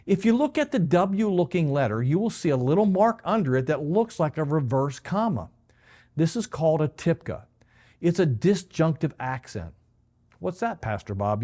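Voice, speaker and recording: A man, a pastor, giving a scripted Bible teaching to camera, explaining clearly with emphatic stresses. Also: a little high, darkish tone.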